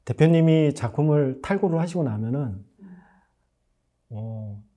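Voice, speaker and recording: Man, actor, emphatic interview, husky voice, darkish timbre. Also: a little high, animated, unhurried, mellow. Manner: emphatic, earnest. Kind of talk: documentary interview.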